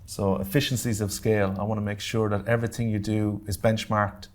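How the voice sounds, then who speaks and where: An Irishman with a lowish, fairly flat voice speaks a little quickly as he runs a grants workshop for a live audience in a community centre meeting room. He's direct and practical, tossing in jokes and checking that everyone is keeping up.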